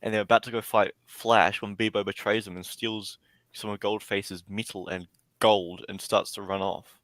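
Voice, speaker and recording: A man with a New Zealand accent co-hosting a livestream, pitching ideas in an animated, easygoing way. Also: moderate pace, no echo. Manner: animated storytelling, laughs easily. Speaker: co-host. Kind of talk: casual livestream chat.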